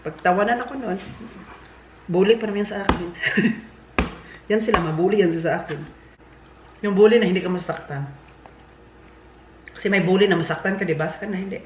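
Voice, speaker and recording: A woman's voice: fairly low pitch, fast talker, pauses often, slight background noise. A woman from the Philippines chatting casually to her viewers in a home vlog, often laughing and dropping English words into her talk. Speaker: vlogger. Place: home in Germany, indoors and outdoors.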